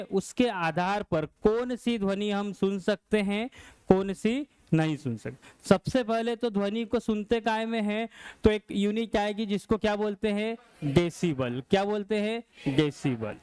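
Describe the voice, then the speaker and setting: A man's voice: high voice, darkish tone, smooth, no echo. A male science teacher lecturing a class, asking questions and answering them himself.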